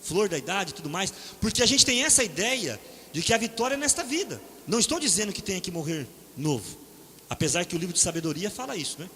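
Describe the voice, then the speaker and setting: A man's voice: sits high, sing-song, quick pace, pushed and bright. A middle-aged Brazilian man preaching a conversational sermon, telling personal stories, often ending phrases with a questioning "né?" and acting out other people's voices. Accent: Brazilian Portuguese. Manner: conversational, frequent "né?" tag questions; acts out quoted voices in storytelling. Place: church hall. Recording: reverberant hall, faint ambient noise.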